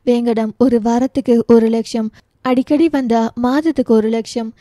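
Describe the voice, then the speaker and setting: A woman's voice: a little high, fairly even intonation, normal speed, dark tone, dry recording, studio quality, close to an everyday voice. A woman narrator voicing a worldly, blunt, protective older-sister coworker who gives scolding advice in a storybook reading. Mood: matter-of-fact.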